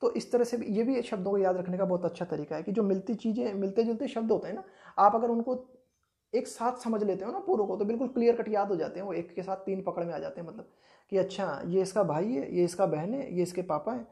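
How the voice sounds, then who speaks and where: A woman teaching an exam-prep lesson in a mellow, warm voice, set at a middling pitch. She explains patiently and keeps checking in with the listener through short tag questions. Each English definition she reads out slowly and deliberately. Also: gravelly.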